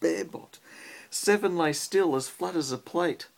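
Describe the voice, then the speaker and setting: An Australian man with a husky, creaky voice reads a picture book aloud to a child and chats simply with them, like a parent would. He speaks a little high and a little slowly.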